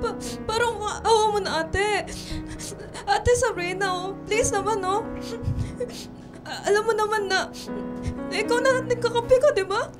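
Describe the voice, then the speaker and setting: A young woman playing a pleading, insecure, resentful girl in a radio drama, tearful and halting, with a Filipino accent. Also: very high voice, music in the background.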